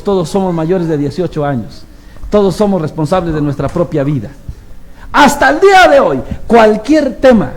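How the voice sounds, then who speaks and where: Male lay preacher, animated storyteller, high and swooping delivery, acts out quotes, asks the room rhetorical questions. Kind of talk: sermon.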